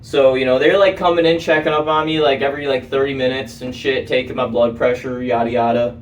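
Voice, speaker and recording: This young man's mid-range voice stays steady in tone and moves fairly quickly. He's a vlogger doing manual work indoors, off-mic in an echoey room, and his casual story comes loaded with curses and filler words.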